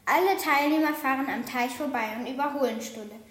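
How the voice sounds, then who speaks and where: A woman reads a children's picture book aloud in a lively, expressive storytelling manner. Her voice is high. The recording has a noticeable roomy echo. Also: brisk.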